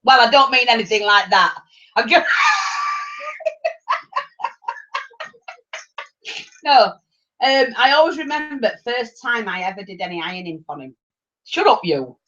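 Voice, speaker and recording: A middle-aged woman with an English accent chatting casually and telling anecdotes in a blunt, animated way on a livestream. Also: a little high, brisk. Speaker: livestream host. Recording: dull lo-fi livestream audio.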